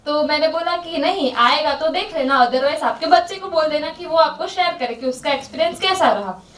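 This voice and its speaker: A young woman with a high voice tells a personal story to a gathering and lays out each event in turn. She sounds earnest throughout. Her voice is picked up from a distance, with the echo of a large hall around it. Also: normal speed, a bit bright, a little hiss or hum. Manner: earnest, retelling events step by step. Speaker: volunteer sharing an experience. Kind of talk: personal story told to a group. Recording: echoey hall, far from mic.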